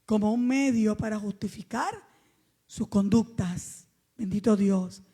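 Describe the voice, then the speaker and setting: A middle-aged woman from Puerto Rico with a Puerto Rican accent, preaching a sermon fervently to her congregation and swinging between loud and soft. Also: medium pitch, measured pace, slightly rough. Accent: Puerto Rican Spanish. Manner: fervent preaching, calls listeners amado and hermano, rises and drops in volume.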